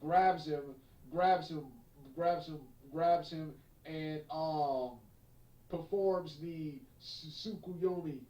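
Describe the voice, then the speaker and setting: A man giving an unscripted spoken review, halting, with many fillers and restarts and repeated phrases. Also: fairly high pitch, steady tone, dark tone. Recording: echoey room, voice far from mic.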